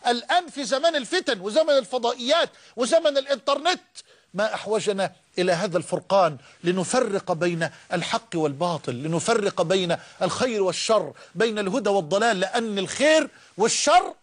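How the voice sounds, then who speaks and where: A man preaching a sermon in an Egyptian accent, building to emphatic repeated phrases and slowing to recite scripture. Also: high voice, animated. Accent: Egyptian Arabic. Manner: impassioned, rising emphatic repetitions; slow drawn-out recitation of scripture.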